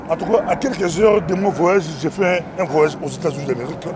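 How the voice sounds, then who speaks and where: A man hosts an interview as a pastor, speaking hesitantly and often restarting his phrases. His voice is somewhat high. Clear traffic and street noise run behind him. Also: quick pace. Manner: hesitant, many fillers and restarts. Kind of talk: casual interview hosting.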